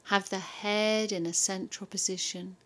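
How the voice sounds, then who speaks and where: A woman guiding a yoga and relaxation session, giving soft, soothing instructions with long pauses between phrases. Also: mid-range voice, fairly even intonation. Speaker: yoga teacher.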